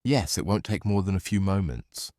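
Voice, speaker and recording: A man's voice: sits low, animated, moderate pace, darkish tone, dry recording, studio quality, voice pushed down. A man voicing a blunt, ruthless warrior of the war gods in a fantasy tale. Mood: eager, blunt.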